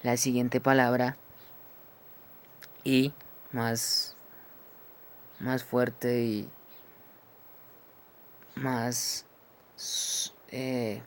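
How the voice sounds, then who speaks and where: A man teaching English phonetics, who explains each symbol slowly and keeps checking with "¿sí?". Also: mid-range voice. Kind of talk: phonetics lesson.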